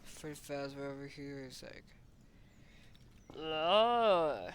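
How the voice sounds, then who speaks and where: Man telling a story slowly and rambling. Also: on the high side, steady tone, fairly bright tone. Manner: rambling, slangy, many fillers. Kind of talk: casual storytelling.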